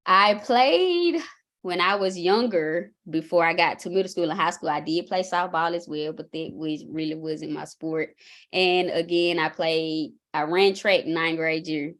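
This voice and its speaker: Her Southern drawl marks this young Mississippi woman, a basketball coach being interviewed casually as a guest. She's unhurried and folksy, with a voice a little low for a woman, telling things in easy, rambling runs.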